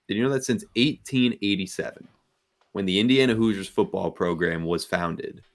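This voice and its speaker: A man's voice: on the low side, moderate pace. A young man hosting a casual sports chat show, chatting loosely and reading off plugs for socials and a sponsor. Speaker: podcast host.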